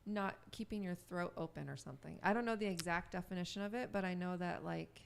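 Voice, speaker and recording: Chatty woman with heavy vocal fry. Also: on the low side, quick pace, slight background noise. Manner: giggly, chatty, rambling. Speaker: podcast co-host. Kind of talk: casual chat.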